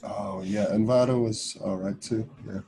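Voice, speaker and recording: A man speaking as a guest on a webinar video call, talking casually in a halting way with lots of "uh"s and restarts. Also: lowish voice, steady tone, mellow, slight background noise. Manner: halting, many "uh" fillers and restarts. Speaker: guest freelance copywriter.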